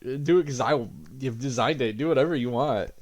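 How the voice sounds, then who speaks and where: A young man runs a tabletop game as game master, chuckling between lines. He talks in halting bits and restarts his sentences, loose and easygoing as he sets out what the players see. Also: mid-range voice. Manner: laughing, halting, many restarts.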